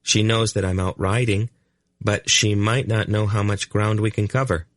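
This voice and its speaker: A man voicing a calm, polite young boy in an audiobook, speaking earnestly. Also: fairly low pitch, normal speed, no room sound, lightly acted.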